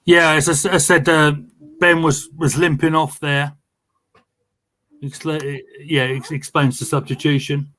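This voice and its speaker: A man's voice: on the high side, level tone, unhurried, bright, forceful tone. A man co-hosting a live football watchalong, chatting through the match and often repeating words as he reacts. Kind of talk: live match commentary chat.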